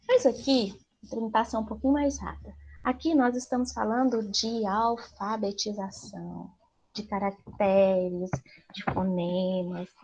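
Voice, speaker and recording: A woman's voice: medium pitch, creaky, darkish tone, breathy edge. A middle-aged woman teacher with a Brazilian Portuguese accent, explaining to parents in a live class and asking rhetorical questions.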